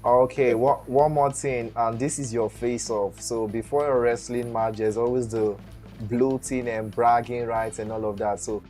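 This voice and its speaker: A man hosting a live esports stream from Nigeria, interviewing team managers in an energetic way and often repeating words. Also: medium pitch, moderate pace, faint music behind. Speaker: host.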